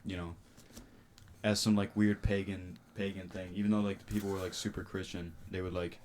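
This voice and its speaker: A man's voice: deep voice, level tone, fairly quick, a little mellow, slight background noise. A man co-hosting a casual podcast, joking in slangy banter and laughing often. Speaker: podcast co-host. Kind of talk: casual chat.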